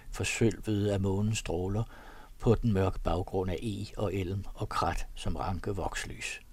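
A man narrating an audiobook story in a steady, measured reading. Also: lowish voice, husky, no room sound.

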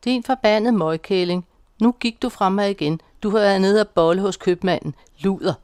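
A woman's voice: on the low side, creaky, a little mellow, no room sound, studio quality. Woman putting on a coarse, jealous old man. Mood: raging. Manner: coarse, bellowing insults. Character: crude jealous old man, bedridden after a stroke.

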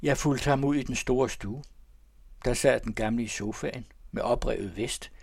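A man narrating a classic literary story in a measured, storytelling manner. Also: medium pitch, vocal fry, slightly rough, dry recording.

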